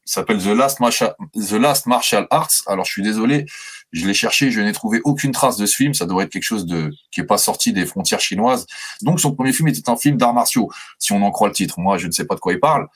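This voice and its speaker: A man with a fairly low voice co-hosts a film podcast. He talks haltingly, with many fillers and restarts. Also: animated. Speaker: podcast co-host.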